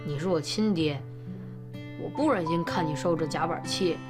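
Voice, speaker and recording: A young actor playing a calm, tactful teenage son reasoning with his father in a TV drama. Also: fairly high pitch, normal speed, over music, close to an everyday voice. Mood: earnest. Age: teens. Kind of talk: TV drama acting.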